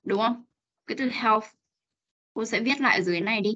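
Bright lo-fi Vietnamese woman teacher. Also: on the high side, a little fast. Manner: coaxing and drilling pronunciation. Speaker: English teacher. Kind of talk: online class teaching. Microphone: video call. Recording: lo-fi video call audio.

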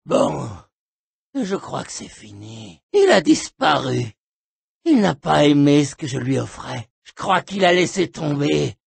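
An actor voicing a paranoid, volatile burned male splicer in a video game, with a raspy voice that swings from ranting shouts to muttering. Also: a little high, very animated, a little slow, no echo, exaggerated voice. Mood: jittery paranoia. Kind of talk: game voice acting.

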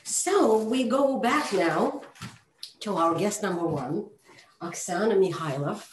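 A woman's voice: mid-range voice, expressive, slow, slight background noise. A woman hosting an interview over a video call from home, introducing her guest in a chatty way. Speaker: host. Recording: roomy video call audio.

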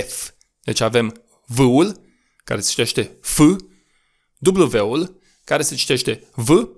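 A man teaching a recorded language lesson, patiently spelling out words and repeating them slowly. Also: medium pitch.

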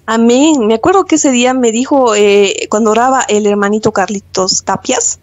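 A woman's voice: a little high, moderate pace, a little mellow, poor audio. A woman with a Bolivian accent, giving an earnest, devout testimony to her pastor over an online call. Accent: Bolivian Spanish. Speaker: church member giving a testimony.

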